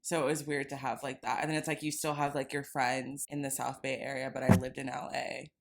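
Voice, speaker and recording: A woman's voice: extremely low pitch, flat delivery, brisk, vocal fry. A young woman from Los Angeles co-hosting a podcast in a casual, rambling chat full of "like". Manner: rambling, heavy use of "like". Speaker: podcast co-host.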